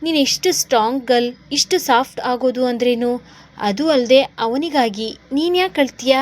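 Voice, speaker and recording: A woman's voice: sits high, normal speed, close to an everyday voice. A woman voicing a teasing but caring teenage younger brother who coaxes his sister in a storybook reading. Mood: coaxing.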